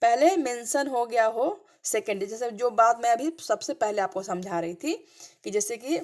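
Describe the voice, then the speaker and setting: A woman teaching a grammar lesson over slides. She keeps asking the class questions and then answers them herself. She checks in again and again with short "clear?" and "okay" prompts. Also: on the high side.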